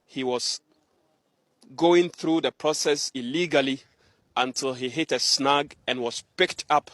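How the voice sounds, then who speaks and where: A man's voice: medium pitch, steady tone, measured pace, fairly bright tone, dry recording. A man conducting a confrontational interview and news report, pressing his subject with repeated pointed questions.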